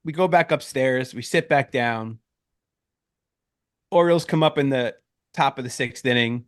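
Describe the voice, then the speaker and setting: A man's voice: mid-range voice, a little slow, clear, resonant tone, dry recording, clean studio sound. A man in his thirties, a podcast co-host, telling a story in casual chat and acting out the lines he quotes.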